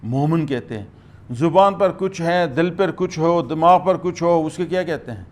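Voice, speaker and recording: A man, a mufti, giving a lecture-style commentary on scripture to a gathering, emphatic and often checking in with his listeners. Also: a little high. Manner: emphatic, asks "hm?" and "theek hai" to the listeners.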